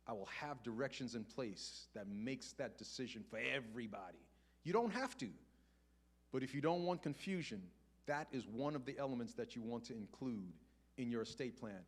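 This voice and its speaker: An older man giving a conversational finance talk to a church congregation. He asks rhetorical questions and slows down to repeat key points. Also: medium pitch. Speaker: guest speaker on personal finance. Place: church sanctuary before a congregation.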